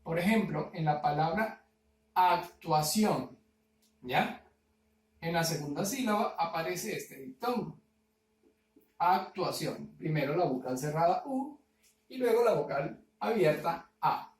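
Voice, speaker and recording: A male teacher calmly working through a grammar exercise for primary pupils, stretching out example words syllable by syllable and often checking in with "¿verdad?". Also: on the high side, recorded from a distance. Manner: slow, syllable-by-syllable word spelling with frequent "¿verdad?". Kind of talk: recorded grammar lesson. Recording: echoey room, voice off-mic.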